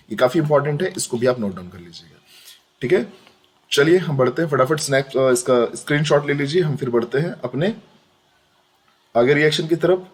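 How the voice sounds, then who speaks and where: Chatty Hindi chemistry teacher, higher voice. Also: male voice. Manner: chatty, repeats questions to students, frequent "dekhiye". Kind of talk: screen-recorded lesson.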